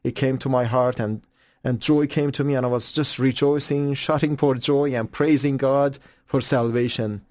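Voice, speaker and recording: A man's voice: mid-range voice, steady tone, moderate pace, darkish tone, dry recording. A man from Iran gives his testimony as an interview guest. He tells his story earnestly and fervently, often stammering into restarts. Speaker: guest evangelist.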